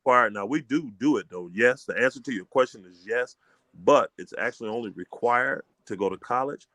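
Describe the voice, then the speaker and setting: A man's voice: medium pitch, brisk, a bit bright. A middle-aged man from Indiana who leads a community and its homeschool, explaining his ways in an emphatic, preacherly manner. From Fort Wayne, Indiana, US. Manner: emphatic, preacherly, repeats "you know what I mean". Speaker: community elder, homeschool leader. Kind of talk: casual call-in chat.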